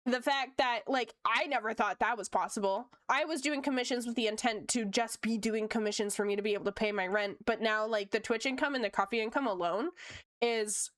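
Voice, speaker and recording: Chatty woman, clear and close. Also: fairly high pitch, a little fast, no room sound. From Canada (Ontario). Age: late 20s. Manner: chatty and upbeat, laughs often, lots of fillers. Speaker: streamer and VTuber. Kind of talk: casual chat while drawing on stream. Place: home room.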